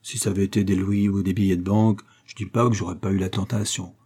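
A man's voice: sits low, little pitch movement, fast, mellow, breathy edge. A man voicing a cheeky young working-class Parisian, talking in slangy, cocky bursts.

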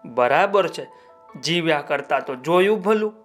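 Flattering sly man done by a narrator, children's tale, fawning and slow. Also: faint music behind. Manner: flattering, high drawn-out welcomes. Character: sly flattering pot-bellied man by a river.

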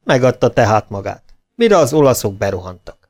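Animated male audiobook narrator. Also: medium pitch. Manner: expressive, animated. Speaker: audiobook reader. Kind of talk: storybook narration.

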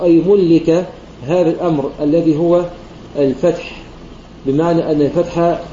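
A man teaching a lesson on Quran recitation rules. He works through the points step by step, repeating phrases and pausing on "aah" fillers. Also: a little high, dark tone, slight background noise. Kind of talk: religious lesson explaining a classical poem. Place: online voice-chat room. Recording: muffled online voice-chat room audio, roomy.

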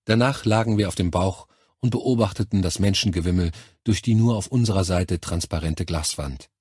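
Low, husky male audiobook narrator. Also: moderate pace, a little mellow, dry recording, clean studio sound. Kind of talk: first-person science fiction audiobook narration.

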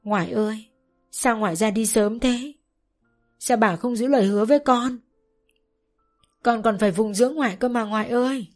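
A grief-stricken young woman, voiced by a woman narrator, pleading in a choked, tearful voice. Her words stretch out slowly and rise in pitch as she cries out, in a spoken storybook telling. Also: a little mellow, faint music behind, lightly acted. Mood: grieving. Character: grieving young woman, sobbing over grandmother.

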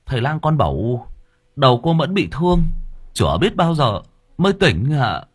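A man's voice: on the low side, sing-song, very slow, a little mellow, breathy edge, dry recording, clean studio sound, exaggerated voice. A man voicing a timid male servant who stammers nervously. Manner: hesitant, stammering.

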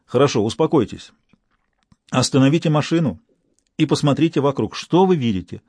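A man voicing a composed private detective with a steady, calming way of talking. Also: mid-range voice, fairly quick, slightly rough, no echo, studio quality.

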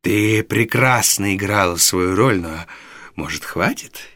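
A man voicing a sly old male gang leader who speaks softly and ingratiatingly. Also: lowish voice, slow pace, dry recording, clean studio sound, pitched below the performer's own voice. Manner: soft, ingratiating, mock-polite.

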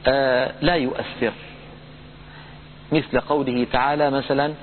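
A man giving a recitation lesson, explaining pronunciation rules in a calm lecture and chanting example words slowly. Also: medium pitch, a little hiss or hum. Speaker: Quran recitation teacher. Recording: tinny phone-like lo-fi audio.

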